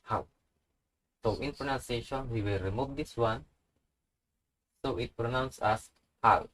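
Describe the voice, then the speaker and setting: A man's voice: medium pitch, normal speed, poor audio. A man teaching a language lesson, patiently repeating each example word. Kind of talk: slow instructional tutorial.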